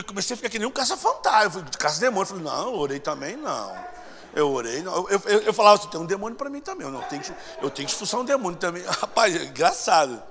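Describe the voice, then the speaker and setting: A man preaching a lively storytelling sermon, acting out voices and shouting at times. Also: high voice, slight background noise. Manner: animated, acts out voices and shouts. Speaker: pastor. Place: church sanctuary. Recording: long church hall reverb.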